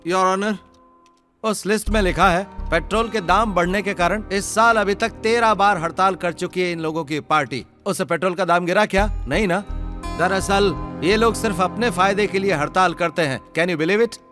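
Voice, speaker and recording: A man's voice: high-pitched, normal speed, bright, forceful tone, faint music behind. A man dubbing an earnest young businessman who argues his own case in court in a film. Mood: indignant. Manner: indignant, talks at length to the judge. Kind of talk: Hindi film dub.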